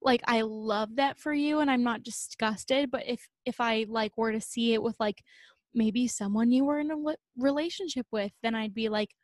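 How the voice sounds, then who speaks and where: A young woman co-hosting a podcast, chatting in a relaxed, wandering way with fillers and casual swearing. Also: fairly high pitch, moderate pace, no echo, clean studio sound. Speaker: podcast co-host. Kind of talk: casual chat.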